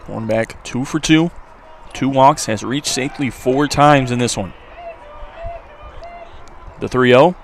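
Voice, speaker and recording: Calling a baseball game live on radio, this play-by-play announcer speaks in a mid-range voice, taking it slowly with long pauses. The outdoor ballpark crowd and surrounding noise are audible.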